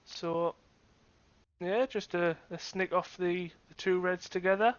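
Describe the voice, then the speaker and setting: High-voiced man co-commentating, dull lo-fi sound. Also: steady tone, a little slow. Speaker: snooker co-commentator. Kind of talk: live sports commentary, conversational.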